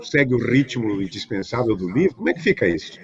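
A hesitant man interviewer whose words come in stops and restarts as he searches for phrasing. His voice is husky and breathy, with a lively rise and fall. The recording sounds dull and lo-fi. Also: medium pitch, fast talker. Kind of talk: conversational interview.

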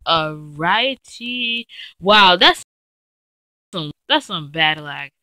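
A woman giving casual, chatty gameplay commentary, talking straight to her viewers and getting excitable and easily frightened as she plays. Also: lowish voice, extremely slow, slight background noise. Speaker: let's play gamer.

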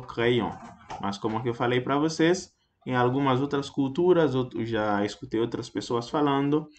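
A man teaching a basic French pronunciation lesson, repeating example words and checking in with frequent "ok?". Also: mid-range voice. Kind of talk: explanatory language lesson.

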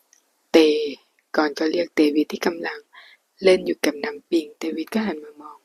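A woman reading a novel aloud in a soft, hushed way. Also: sits low, steady tone, brisk, creaky, husky, no room sound, rough recording. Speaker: narrator.

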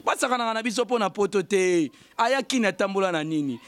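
High-voiced man. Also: lively intonation, fast talker, a bit bright, clear, resonant tone, dry recording. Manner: emphatic, repeats phrases, chanting fillers. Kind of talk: animated commentary mixing Lingala and French.

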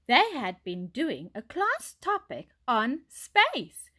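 A woman teacher reading a children's storybook aloud, expressive, slow and clear. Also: sits high.

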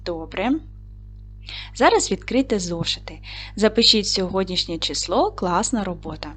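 A woman teaching a recorded primary school lesson, patiently asking questions and slowly spelling out sounds and syllables. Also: medium pitch, expressive, a bit bright, slightly rough. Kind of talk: recorded video lesson for children.

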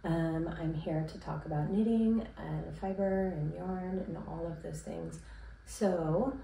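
A sick, congested woman in her thirties hosts her knitting podcast from a small room at home, chatting casually to a camera set at a distance. Her lowish, gravelly voice moves slowly as she rambles in a relaxed way, full of ums and likes. The sound is roomy and distant, with a little hiss or hum.

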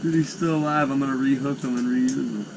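A young man with an Upper Midwest American accent, talking casually and excitedly as he ice fishes outdoors at night. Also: mid-range voice, fairly quick, creaky. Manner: excited, exclaiming over catches. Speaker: fishing vlogger. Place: frozen lake outdoors at night. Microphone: action camera on the ice. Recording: outdoor camera with steady background noise.

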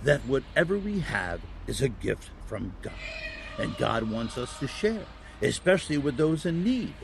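Man playing kindly old Santa Claus, gravelly and animated. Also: mid-range voice, noisy background. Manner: gently halting, chuckling storyteller. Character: kindly, patient old Saint Nicholas as Santa. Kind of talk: family audio drama acting.

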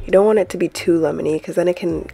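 A woman's voice: lowish voice, fairly even intonation, rapid-fire, gravelly, dark tone, breathy edge, faint music behind. A woman hosting her own cooking channel, talking through a recipe in a friendly, easygoing voice-over.

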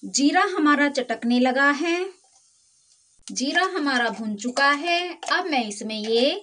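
A woman's high, sharp-toned voice sounds animated yet slow as she hosts a cooking channel from her home kitchen. She explains each recipe step plainly over clear sounds of a pan sizzling and being stirred.

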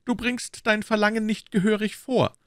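A man's voice: high voice, fairly even intonation, normal speed, a bit bright, no echo, studio quality, voice pushed up. A man putting on a cold, haughty young musketeer. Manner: icy, disdainful courtesy. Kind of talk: audiobook character voice.

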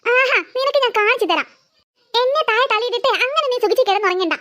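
A sulky, squabbling little cartoon girl, voiced by a woman, shrill and very bright. She whines and threatens in a high, childish voice. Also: quick pace. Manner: whiny, squabbling.

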